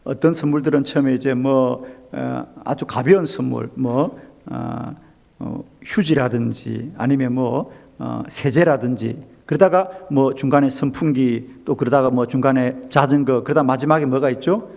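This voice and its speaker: A man's voice: mid-range voice, normal speed, vocal fry, darkish tone. A middle-aged man preaching a revival sermon as a pastor, joking and asking the congregation question after question. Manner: humorous, asks the congregation many questions. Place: church sanctuary. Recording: long hall reverb in a church.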